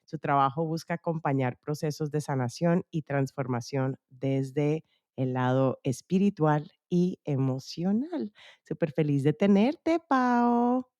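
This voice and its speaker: Chatty woman podcast host, lowish voice. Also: expressive, takes it slowly, mellow, dry recording, clean studio sound. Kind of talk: casual interview.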